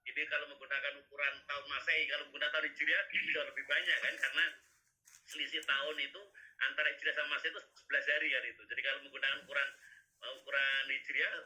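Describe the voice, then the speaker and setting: A man's voice: fairly high pitch, flat delivery, very fast, pushed and bright, low-quality recording. A man, lecturing a teachers' workshop over a video call in a rambling way, tagging his sentences with questioning asides. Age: 50s. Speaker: workshop instructor.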